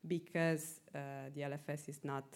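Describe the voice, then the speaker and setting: Low-voiced woman answering conference questions. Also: little pitch movement, smooth. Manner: hesitant, frequent fillers, measured. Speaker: presenter answering audience questions.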